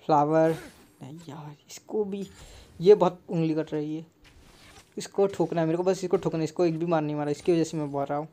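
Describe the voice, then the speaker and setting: Excitable young man commentating a game. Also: on the high side, fairly quick. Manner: excitable, talks to himself, frequent mild swearing. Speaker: gaming streamer. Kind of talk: live mobile game commentary.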